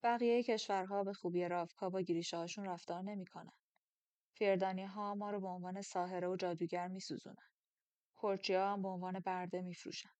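A calm, ageless man of great power, as a woman reader puts him on, speaking low and sparing with words. His voice is level and dry, held well under the narration. The lines come quiet and guarded, like an audiobook scene by a campfire. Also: no echo, lightly acted. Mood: curt. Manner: quiet, low-key and terse. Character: centuries-old powerful man looking young, calm and guarded. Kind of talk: audiobook character reading.

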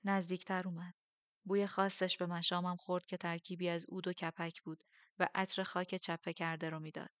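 Woman audiobook narrator, measured, low flat voice, dry close recording. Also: no room sound. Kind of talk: first-person novel narration.

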